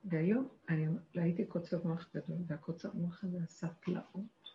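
A woman giving a religious talk to a group, passionate and animated, asking rhetorical questions and shouting out quoted lines. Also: lowish voice, slight background noise. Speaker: spiritual teacher. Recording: echoey lo-fi room recording.

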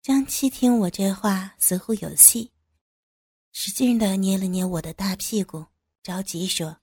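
A woman's voice: mid-range voice, fairly even intonation, measured pace, darkish tone, breathy edge, dry recording, studio quality. A woman narrating a first-person story as an audiobook, in a knowing, lightly mocking manner.

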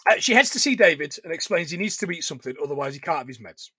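A man's voice: on the high side, very fast, breathy edge, dry recording, clean studio sound. A man co-hosting a casual chat, recapping a film with lots of laughter and swearing. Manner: animated, sweary, laughs a lot. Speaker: podcast co-host recapping a film.

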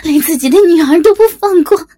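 A woman's voice: fairly high pitch, expressive, unhurried, warm tone, breathy edge, full character voice. A woman voicing an anguished middle-aged mother who wails and laments. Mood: raging. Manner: wailing, lamenting.

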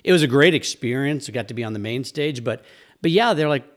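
A man's voice: medium pitch, lively intonation, quick pace. A middle-aged man hosting a casual chat, joking around and reminiscing, admitting he sounds like an old guy. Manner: joking, chatty, self-aware about sounding old. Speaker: podcast host.

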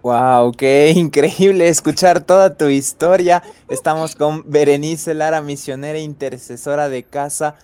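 A man's voice: a little high, fairly even intonation, measured pace, few pauses, darkish tone, a little hiss or hum. A man hosting an interview who asks conversational questions and gives short words of agreement. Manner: affirming, gives short acknowledgements. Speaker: interview host.

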